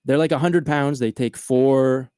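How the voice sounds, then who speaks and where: Animated man telling a story, dry sound. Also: medium pitch, unhurried, clear, resonant tone, dry recording. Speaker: podcast host. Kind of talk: casual storytelling chat.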